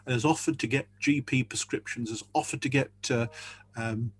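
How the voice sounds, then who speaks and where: A man's voice: mid-range voice, steady tone, moderate pace, breathy edge. A man speaking earnestly as a church leader in a panel discussion over a video call, often repeating words as he thinks.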